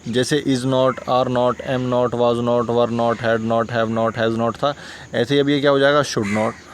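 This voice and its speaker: A man's voice: medium pitch, level tone, takes it slowly, slight background noise. A man with a Hindustani accent teaching English grammar, patiently repeating examples and checking that listeners follow. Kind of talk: explaining grammar lesson.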